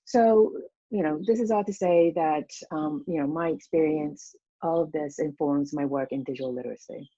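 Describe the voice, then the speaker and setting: A Vietnamese-born teacher educator in her thirties presents at a conference over a video call, speaking casually with lots of "um" and "you know." Her warm voice sits low, swings widely in pitch and has vocal fry, at a normal pace. Her computer mic gives a dry sound with no room and the highs cut off.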